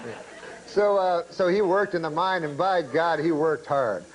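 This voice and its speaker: Halting deadpan storyteller man. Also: a little high, poor audio. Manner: halting, deadpan, full of restarts. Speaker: comedian guest. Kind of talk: rambling comic storytelling.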